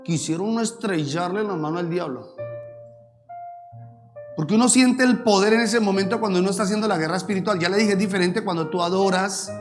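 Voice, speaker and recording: A man preaching a sermon as pastor, animated, sometimes acting out shouted prayers. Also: high voice, fairly quick, faint music behind.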